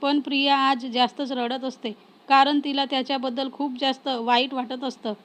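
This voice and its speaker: A woman narrating a romance story in a calm, measured reading. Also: sits high.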